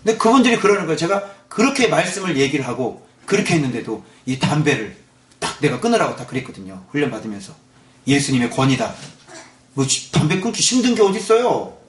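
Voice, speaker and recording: A man's voice: a little high, big pitch swings, fast talker, echoey room. A male pastor giving a Sunday morning sermon in a church, firing rhetorical questions at the congregation. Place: church sanctuary.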